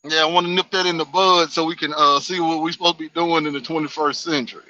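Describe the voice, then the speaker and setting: A man calling in by phone, talking casually and haltingly with lots of fillers. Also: on the high side, steady tone, sharp tone, no room sound. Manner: halting, fills with "uh" and "like". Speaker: caller. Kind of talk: casual chat. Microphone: phone on a call while outside. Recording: muffled lo-fi call audio.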